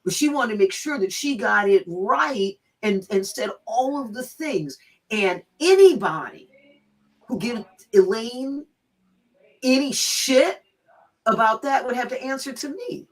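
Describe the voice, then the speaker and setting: A middle-aged woman from Los Angeles with an American accent, telling personal stories in candid chat, blunt and animated, swearing freely and acting out quotes. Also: fairly high pitch, measured pace. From Los Angeles, USA. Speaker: guest teacher telling stories.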